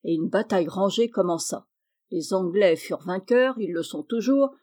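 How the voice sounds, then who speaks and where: Mellow-voiced woman reading a novel. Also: medium pitch, moderate pace. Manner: expressive, lifts her voice for characters. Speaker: audiobook reader. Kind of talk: storybook narration.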